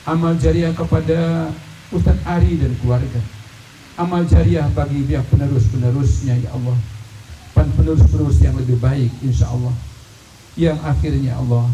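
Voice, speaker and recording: A man leading a gathering in a long, slow prayer, with many repeated appeals to God. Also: mid-range voice. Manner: slow, repetitive supplication with frequent "ya Allah". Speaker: prayer leader. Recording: echoey, distant, dull and noisy hall recording.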